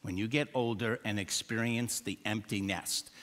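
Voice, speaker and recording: An older man preaching a sermon as pastor, telling jokes in an animated storytelling manner. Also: lowish voice, moderate pace. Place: church sanctuary. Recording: long church reverb.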